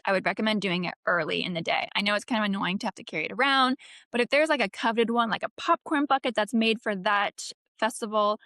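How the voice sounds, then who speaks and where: A woman podcast co-host chatting casually, upbeat and quick to laugh. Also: mid-range voice, a bit bright, dry recording, clean studio sound.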